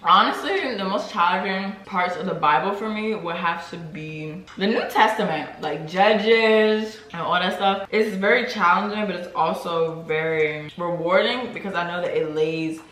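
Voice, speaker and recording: Laughing between bites, this young woman chats casually on her vlog in a fairly low, slightly bright voice. She talks at a normal speed with few pauses. The home recording sounds roomy and carries a faint hiss or hum.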